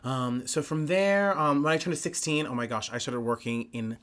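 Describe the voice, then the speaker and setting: A man in his thirties, originally from the Bahamas, sits for a casual interview in a theater basement. His voice sits in a middle register, and he talks in an animated, rambling way, peppering his story with "like" and "you know what I'm saying". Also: mid-range voice, normal speed. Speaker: guest.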